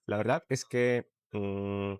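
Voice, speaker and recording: A man's voice: on the low side, fairly even intonation, slow, smooth, no echo, studio quality. Hesitant Polish man hosting in Spanish. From Poland. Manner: hesitant, searching for words. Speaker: host. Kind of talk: casual conversation.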